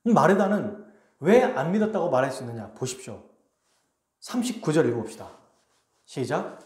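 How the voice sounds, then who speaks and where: A man's voice: on the high side, sing-song, moderate pace, darkish tone. A male pastor preaching a sermon, talking directly to his congregation and acting out the lines of biblical characters. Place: church sanctuary. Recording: echoey church sanctuary.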